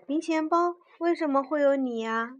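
A woman's voice: high voice, moderate pace, dull audio, voice pushed up, close to an everyday voice. Woman doing a small, curious little boy. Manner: childlike, questioning, wistful. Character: small curious boy asking why he exists.

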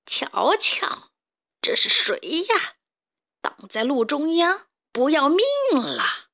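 A woman's voice: high-pitched, sing-song, takes it slowly, creaky, pushed and bright, pitched above the performer's own voice, exaggerated voice. A woman storyteller voicing a scheming male rat gang boss who sneers and barks insults. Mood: gloating.

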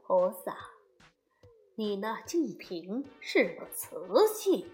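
A woman voicing an old male Taoist sage who gives shrewd advice in a slow, measured way in a storybook reading. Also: medium pitch, big pitch swings, mellow, soft background music, pitched below the performer's own voice. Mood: advising.

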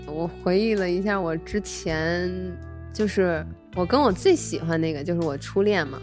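A woman's voice: on the low side, normal speed, faint music behind. A young woman co-hosting a casual chat podcast, telling personal stories animatedly with frequent laughter. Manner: animated storytelling, laughs often. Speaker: podcast co-host.

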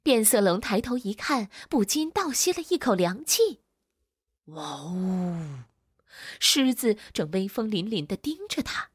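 A woman reading a children's storybook aloud in an expressive, animated way. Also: mid-range voice, measured pace, slightly rough, no echo, clean studio sound.

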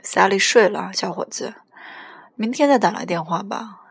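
A woman's voice: mid-range voice, normal speed, vocal fry, fairly bright tone, husky, full character voice. A woman voicing a cold, curt elderly grandmother answering a late phone call.

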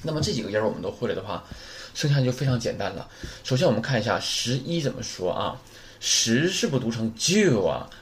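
Chatty man teaching numbers, lively pitch. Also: a little fast, slight background noise. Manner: chatty, repeats numbers aloud, asks rhetorical questions. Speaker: Japanese teacher. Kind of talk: casual spoken lesson.

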